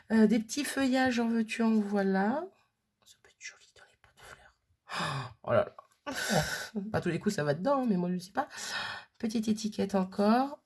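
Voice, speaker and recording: Husky woman with a bit of fry, unboxing craft stuff and gushing over everything. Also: mid-range voice, a little mellow. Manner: gushing, chatty, keeps repeating her delight. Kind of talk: casual unboxing chat.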